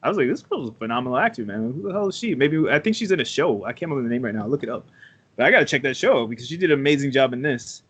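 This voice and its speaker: A man's voice: medium pitch, lively intonation, very fast, breathy edge. A man co-hosting a podcast, casually reviewing a movie, laughing often and quoting scenes. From Trinidad. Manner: laid-back, laughs often, quotes scenes. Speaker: podcast co-host.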